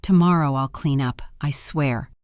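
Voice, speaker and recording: A deadpan young cashier with a dry wit, voiced by a woman reading the story. Her delivery stays flat and monotone, and the audiobook sound is close and dry with no room around it. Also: deep voice, a little slow, dry recording. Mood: wry. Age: young adult. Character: young woman, sarcastic bored fast-food worker.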